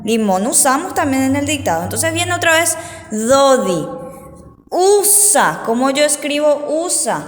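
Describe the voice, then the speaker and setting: A woman teacher with a Paraguayan Spanish accent, giving a slow, patient dictation lesson to young children and spelling out words and syllables. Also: high voice. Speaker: primary school teacher. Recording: roomy echo with long reverb.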